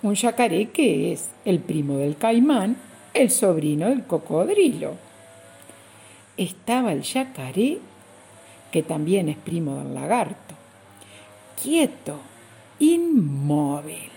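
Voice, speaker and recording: A woman tells a children's story slowly and expressively, her pitch swinging widely as she speaks directly to her young listeners. Her voice is husky, dark and slightly gravelly. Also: very animated, faint music behind.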